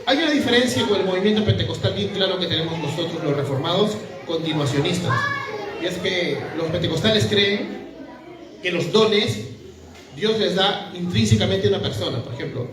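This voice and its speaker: High-voiced pastor in an echoey room. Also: male voice, a little fast. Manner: conversational preaching, full of rhetorical questions. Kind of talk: sermon. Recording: echoey room from far off, with a crowd.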